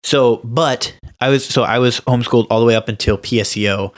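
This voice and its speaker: On a casual podcast chat, a young male co-host speaks at medium pitch and a fairly quick clip. He's animated, laughing and stressing points as he tells stories.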